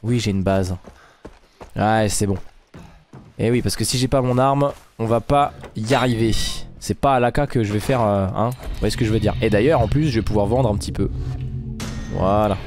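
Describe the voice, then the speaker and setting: A man hosting a let's play, chatting casually and excitably, rambling along with sudden yelps of surprise. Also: on the low side, moderate pace, faint music behind. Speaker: gaming video host.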